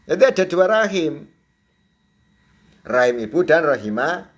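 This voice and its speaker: A man preaching a sermon, chatty and quick to laugh, often checking in with his audience and acting out the cries and prayers of a newborn. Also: on the high side, animated. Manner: acts out a newborn's crying and prayers. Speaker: Sufi preacher.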